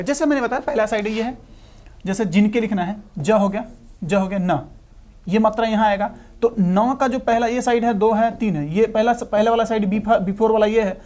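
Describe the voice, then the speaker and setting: Patient and explanatory, a man whose voice sits high with a darkish tone teaches shorthand to a class. He divides words into syllables, repeats them, and checks understanding with "ठीक है."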